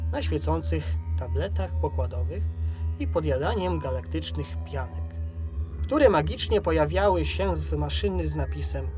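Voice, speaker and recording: A narrator reading a children's story aloud. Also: medium pitch.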